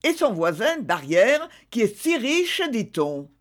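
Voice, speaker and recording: A woman's voice: fairly high pitch, big pitch swings, slow pace. A woman reading the part of an extravagant wife in a novel, theatrical and self-justifying. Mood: commanding. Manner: theatrical, pleading then commanding.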